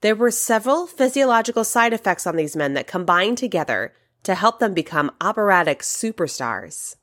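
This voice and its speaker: A woman narrates as the host of a podcast. Her delivery is scripted but upbeat and welcoming, like a show host. Her intonation is lively and moves around freely at a medium pitch. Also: normal speed.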